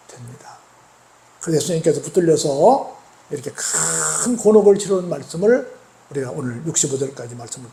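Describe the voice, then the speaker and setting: A man's voice: high-pitched, darkish tone. A man preaching a sermon as a pastor, retelling scripture, asking the congregation questions, and acting out the quoted lines. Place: church sanctuary. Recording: echoey church hall.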